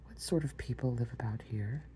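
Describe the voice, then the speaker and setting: A polite, curious girl asks her questions in soft whispered role-play, as a woman reading puts her on. The voice stays low and mellow underneath, gentle and slightly timid, with faint background noise. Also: normal speed.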